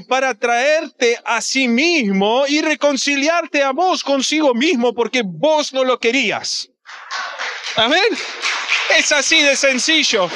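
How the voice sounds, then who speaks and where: A man preaching a sermon, animated and acting out little scenes with voices. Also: extremely high pitch, no room sound.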